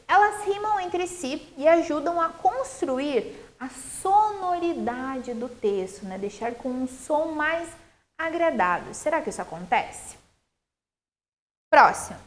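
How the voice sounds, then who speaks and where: Brazilian woman, children's teacher, high bright voice that swoops up and down, sing-song explaining. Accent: Brazilian Portuguese. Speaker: primary school teacher. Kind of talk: recorded classroom lesson.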